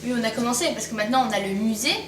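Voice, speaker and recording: A woman co-host talks casually over a game in a slightly high voice. She is a little distant from the mic in an echoey room. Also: rapid-fire, noisy background. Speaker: gaming video co-host.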